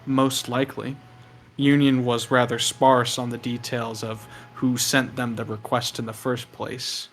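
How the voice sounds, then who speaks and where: Deliberate male game master, mid-pitched. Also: little pitch movement, slight background noise. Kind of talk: narrating a tabletop game.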